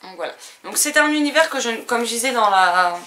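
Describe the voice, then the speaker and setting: Casual French woman vlogger showing her purchases, chatty with lots of fillers, bright tone. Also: a little high, lively intonation, a little fast. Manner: chatty, hesitant with many fillers. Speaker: book and stationery vlogger. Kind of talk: casual haul video chat.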